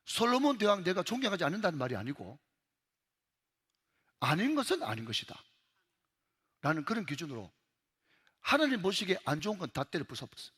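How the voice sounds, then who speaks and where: A man's voice: sits high, sing-song, fairly quick, pauses often, a bit bright, slightly rough, in a large hall. A male pastor with a Gyeongsang accent preaching an emphatic sermon in a church, repeatedly calling out to the congregation. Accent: Gyeongsang Korean. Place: church sanctuary.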